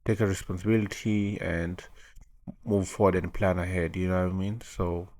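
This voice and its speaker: A man's voice: low-pitched, little pitch movement, normal speed, darkish tone. A man giving laid-back, chatty reaction commentary on a clip, laughing often.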